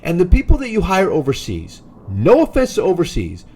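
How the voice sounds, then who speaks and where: A man's voice: high-pitched, wildly swooping pitch, a little fast, a little mellow, breathy edge. A man from the United States telling a long, exasperated story in a casual vlog, acting out the people he talked to. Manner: exasperated storytelling, quoting others in dialogue. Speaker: vlogger. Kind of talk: casual monologue.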